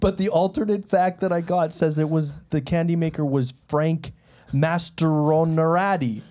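A man's voice: on the high side, moderate pace, dark tone. A man producing a podcast, chatting casually and giggling while unsure of his own facts. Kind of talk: casual chat. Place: studio.

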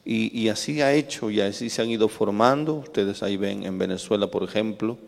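Gravelly, low-voiced pastor, a man. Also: brisk. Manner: hesitant, repeats words. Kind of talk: informal church address. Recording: echoey hall with long reverb.

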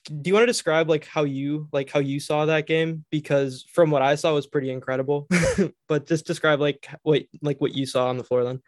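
A man's voice: a little high, little pitch movement, no echo, studio quality. Nasal young man hosting a podcast. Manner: halting, many fillers and restarts, laughs a lot. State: nasal from a cold. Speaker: podcast host. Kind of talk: casual sports interview.

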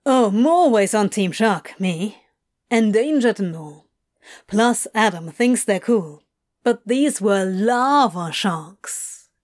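A sleepy demon husband who grumbles in a slow, dragging drawl, as a woman puts him on. The voice sits lower and plainer than the reader's other figure, with a lazy, put-upon tone in this storybook reading. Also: animated. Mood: insistent.

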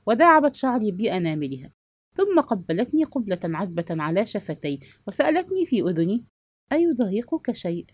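Expressive woman reading a novel aloud. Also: mid-range voice, a little fast, slightly rough, no echo. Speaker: audiobook reader. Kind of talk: expressive literary narration.

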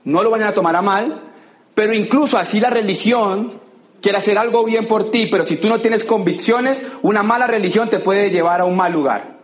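A Colombian man giving an animated motivational talk to a live audience, acting out scenes with sound effects. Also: high-pitched, normal speed, reverberant. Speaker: motivational speaker.

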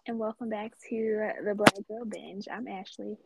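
A woman's voice: mid-range voice, fairly even intonation, moderate pace, gravelly, heavy background noise. A woman co-hosting a podcast in casual chat, teasing and giggly, loose and informal. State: tipsy from wine. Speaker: podcast co-host.

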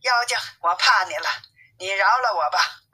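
A woman's voice: medium pitch, lively intonation, normal speed, bright, forceful tone, husky, low-quality recording. A woman voicing a brash, teasing male monkey king in a storybook reading, taunting his enemies and grumbling at his helpers. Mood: cheeky.

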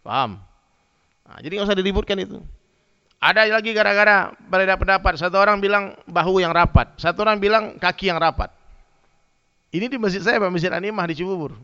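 Male preacher telling stories to his congregation, bright tense tone, gravelly edge. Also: high-pitched. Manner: lively storytelling, addresses listeners directly. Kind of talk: humorous sermon with anecdotes. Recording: dull lo-fi sound.

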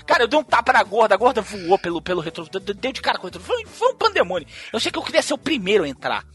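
A man from Brazil telling a wild story in a casual, profane and animated way, acting out what people said. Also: high voice, racing, breathy edge. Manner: profane, animated storyteller who acts out quotes. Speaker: podcast host.

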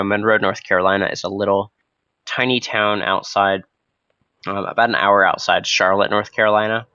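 A young man hosting a casual, spontaneous podcast with a hoarse, froggy voice from a cold, talking in a hesitant, unscripted way. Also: fairly low pitch, pushed and bright, dry recording. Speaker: podcast host. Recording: dull, lo-fi close recording.

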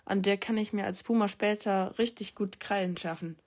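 A woman's voice: medium pitch, steady tone, normal speed, lightly acted. A woman reading a novel aloud, voicing the cheeky teenage boy narrator who is a puma shifter, with an indignant lift in her voice. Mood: teasing.

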